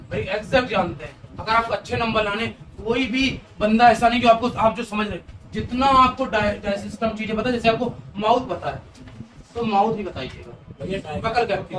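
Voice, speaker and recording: A male teacher gives exam-prep advice to students in a coaxing, repetitive way. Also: high voice. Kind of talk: exam-prep class lecture. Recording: noisy room, voice from a distance.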